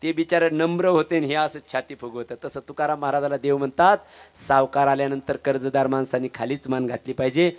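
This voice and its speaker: A man's voice: mid-range voice, fairly even intonation, brisk. A middle-aged man preaching a devotional kirtan, telling stories with energy and breaking into sung verses. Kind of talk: devotional sermon with chanted verses.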